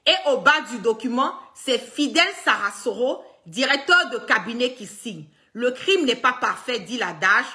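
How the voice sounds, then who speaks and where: A woman with a fairly high, sharp, forceful voice talks straight to her followers in a casual video. She is insistent and emphatic, hammering her points again and again. She often trips, restarts and leans on filler words. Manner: heavy use of fillers and restarts. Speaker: online political commentator.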